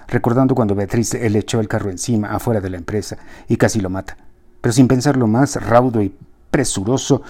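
A man reading a novel aloud in measured, expressive narration. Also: fairly low pitch. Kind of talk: audiobook narration.

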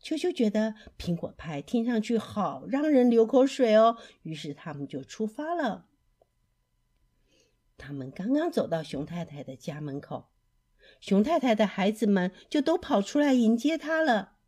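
A woman reading children's picture books aloud in a slow, expressive storybook manner. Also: medium pitch.

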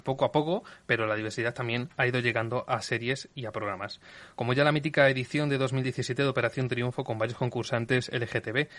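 A man's voice: mid-range voice, fairly bright tone, dry recording. Upbeat male co-host, dry sound. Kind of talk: scripted podcast narration.

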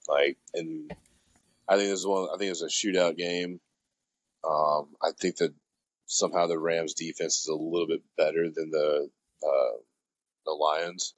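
A man's voice: very deep voice, steady tone, measured pace, long pauses, dry recording. A man co-hosting a sports podcast, making his picks in a casual, hesitant way, with many restarts. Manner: hesitant, repeats himself, sarcastic asides. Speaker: podcast co-host.

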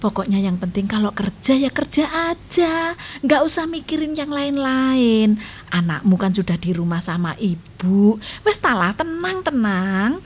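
A woman's voice: fairly high pitch, unhurried. An actress playing an older Javanese grandmother who frets and coaxes a crying grandchild in a family drama. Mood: chiding, fussing. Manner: fretful, coaxing, chatty. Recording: steady background noise.

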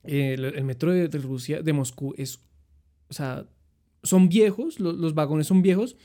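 A man's voice: a little high, measured pace. A young man with a Colombian accent telling travel stories in a chatty, rambling way. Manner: chatty, rambling, animated retelling. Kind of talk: casual storytelling.

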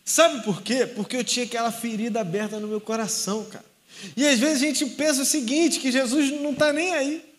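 A young youth pastor with a Rio de Janeiro Portuguese accent tells a personal story during a sermon, acting out the dialogue. His voice is very high and fairly quick.

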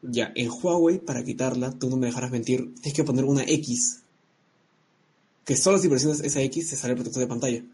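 A man's voice: medium pitch, a little fast, a little mellow, husky. A man co-hosting a casual chat, joking around and sending playful greetings to his listeners.

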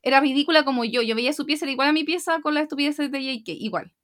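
A young Chilean woman chatting casually as a podcast co-host, retelling scenes with lively acted-out quotes. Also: sits high, rapid-fire. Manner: animated storytelling, acting out quotes. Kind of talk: casual chat.

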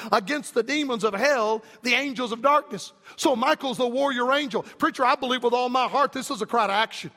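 A man preaching a fiery revival sermon in an emphatic, rhythmic cadence that climbs to shouts. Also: extremely high pitch, big-room sound.

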